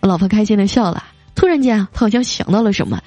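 A woman's voice: mid-range voice, racing. A woman hosting a casual show, playfully reading out and teasing listener comments. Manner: playful, teasing, reads jokes with light voiced quotes. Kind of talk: casual chat. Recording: soft music behind.

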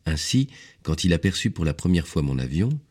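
A man reads a story aloud in a very low voice. His delivery is measured and expressive, with a melody that rises and falls widely. This is audiobook narration. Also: breathy edge.

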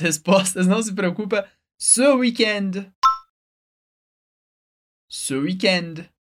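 A woman with a Brazilian Portuguese accent teaching French, upbeat and encouraging, slowing words down for the listener to repeat. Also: fairly low pitch. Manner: upbeat, encouraging, says words slowly for repetition. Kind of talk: language lesson.

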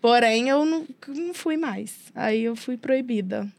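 A young Brazilian woman with a Minas Gerais accent, telling stories in a playful, relaxed way as a podcast co-host. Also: on the high side, unhurried, dry recording. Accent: Minas Gerais Portuguese. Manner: playful, storytelling. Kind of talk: casual chat.

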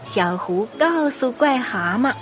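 Lively, unhurried woman storyteller. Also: fairly high pitch. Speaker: children's storyteller. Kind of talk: scripted children's story narration. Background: music.

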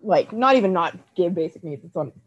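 A woman's voice: on the low side, lively intonation, fairly quick, husky. A young woman co-hosting a podcast, chatting in rambling bursts and readily agreeing. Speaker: podcast co-host. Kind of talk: casual chat. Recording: slightly dull, lo-fi sound.

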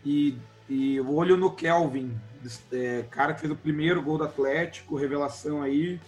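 A man's voice: on the high side, steady tone, moderate pace, darkish tone. A man with a Brazilian accent and a thin, cracked, reedy voice, hosting a sports round-up and chat. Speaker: sports podcast host. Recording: music behind the voice. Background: background music.

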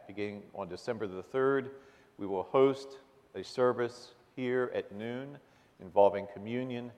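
A man with a fairly deep voice addresses a congregation as its pastor. He delivers welcomes and announcements in a formal, measured way. His words carry long reverberation from a large church interior. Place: large church sanctuary, indoors.

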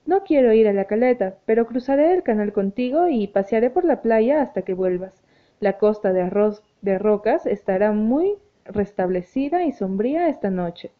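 A woman voicing a gentle, caring young woman who speaks in a soothing, tender way, in an audiobook reading. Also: medium pitch, lively intonation, moderate pace, lightly acted. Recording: tinny phone-like sound.

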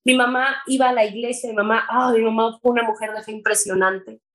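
A Mexican woman with a slightly high voice tells her faith story earnestly. She speaks with feeling and stumbles over her words now and then as a guest recounting her life. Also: fairly even intonation, a little fast, a bit bright, low-quality recording. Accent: Mexican Spanish. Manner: earnest and emotional, with hesitations. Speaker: guest sharing her testimony. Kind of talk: personal faith testimony.

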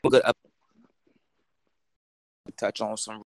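A man's voice: fairly low pitch, little pitch movement, slow, no room sound. A man co-hosting a casual podcast in laid-back slang, his voice breaking up and cutting out over a remote call connection. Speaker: podcast co-host.

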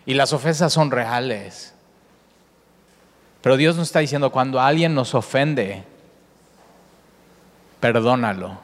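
A man preaches a sermon in a church sanctuary, his voice sitting at an ordinary pitch. He speaks earnestly, often stopping to rephrase and circle back to a point. A long hall reverb trails after each phrase. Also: takes it slowly, pauses often. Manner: earnest, repeats himself, often rephrases with "o sea". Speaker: pastor.

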